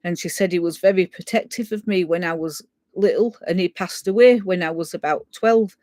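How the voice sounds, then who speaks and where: A woman tells a ghost story in a casual way, often clearing her throat and acting out the voices of the people she quotes. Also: fairly low pitch, brisk, darkish tone, no room sound. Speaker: guest storyteller.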